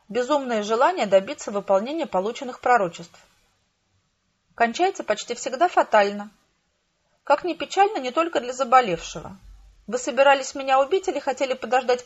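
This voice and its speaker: A man's voice: extremely high pitch, lively intonation, muffled recording. Woman voicing a sorrowful male official. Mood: grave. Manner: sad, measured delivery. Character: weary, sorrowful male official who leads a literary agency.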